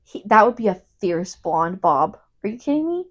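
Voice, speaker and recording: A woman co-hosting a casual book review chat, retelling the story in an animated way and saying "like" constantly. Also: medium pitch, normal speed. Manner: animated retelling, heavy use of "like". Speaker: podcast co-host.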